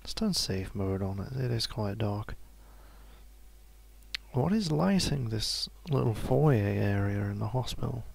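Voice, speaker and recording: A man giving relaxed, casual commentary while playing a game, musing to himself and laughing softly now and then. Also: lowish voice, measured pace, gravelly, husky. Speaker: let's play gamer.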